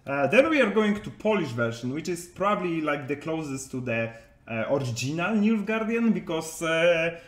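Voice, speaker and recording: A man's voice: on the high side, sing-song, moderate pace, roomy sound. A man talking casually to his viewers as a game content creator, rambling with many hesitations and restarts, in non-native English.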